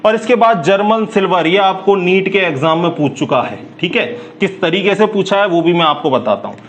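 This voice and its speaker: A man teaching a chemistry class, firing quick questions at students and answering them himself in a brisk, chatty way. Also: high-pitched, animated, a bit bright, slight background noise. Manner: calls listeners "bhai", brisk and chatty. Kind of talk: classroom lecture.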